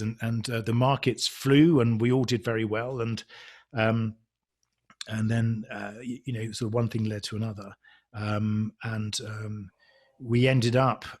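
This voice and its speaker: A man's voice: lowish voice, slightly rough. A man from England, a podcast guest reflecting on his career in a hesitant, self-deprecating way, full of ums and restarts. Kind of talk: casual conversational interview.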